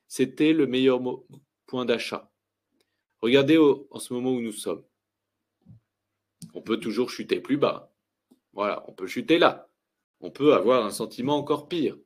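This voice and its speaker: A man's voice: medium pitch, measured pace, long pauses. Man walking viewers through a chart. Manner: lively, emphatic, rhetorical questions. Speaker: finance educator.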